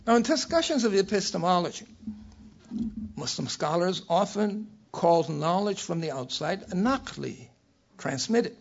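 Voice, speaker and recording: An older man giving a scholarly lecture from a prepared text, in a measured, erudite professorial manner with a raspy voice. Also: high-pitched, big pitch swings, highs cut off. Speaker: academic lecturer.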